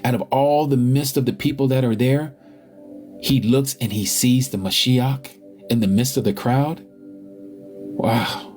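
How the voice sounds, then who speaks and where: A man hosting a live scripture study, reading passages aloud and thinking out loud as he stops to check pages and look up words. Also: medium pitch, slow pace, long pauses, soft background music. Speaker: online scripture study host.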